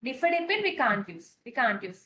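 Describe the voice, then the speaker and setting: A woman's voice: sits high, sing-song, fast talker, pushed and bright, echoey room, a little hiss or hum, poor audio. A woman with a Telugu accent teaching a pharmacy exam-prep lesson, switching between Telugu and English and repeating key points. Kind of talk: online exam-prep lecture.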